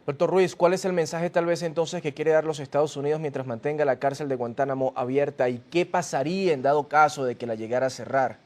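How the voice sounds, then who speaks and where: A male TV news host moderating a debate, with a voice somewhat high for a man. He asks short, direct questions and moves the guests along. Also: steady tone, fairly quick, hardly any pauses.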